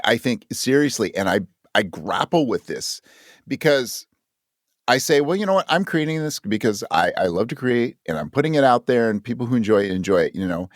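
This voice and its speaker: An audio drama creator talks casually as an interview guest in a mid-range voice. He is candid and questions himself, often acting out his own thoughts. The recording is dry, with clean studio sound.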